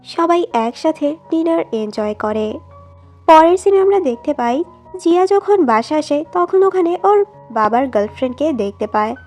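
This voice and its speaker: A woman narrating a drama plot in a steady storytelling read, quoting each line of dialogue. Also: high voice, normal speed, faint music behind.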